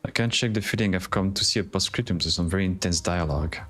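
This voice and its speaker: A fairly low-pitched man on a gaming livestream, reading the game's dialogue aloud in a casual, playful way. His voice jumps up suddenly when something excites him, and faint music plays behind him. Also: quick pace. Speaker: streamer.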